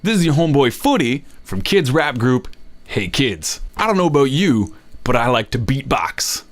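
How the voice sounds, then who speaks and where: A man at an ordinary middle pitch teaches beatboxing to kids in a playful instructional video. His voice swings widely up and down as he jokes and explains. He breaks into vocal drum sounds between explanations. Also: very animated, moderate pace.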